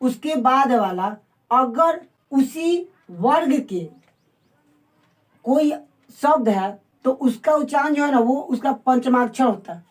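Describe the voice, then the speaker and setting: A woman teaching a casual online lesson, asking the viewers questions and repeating words slowly to sound them out. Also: high-pitched, expressive, rough recording. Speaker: Hindi teacher.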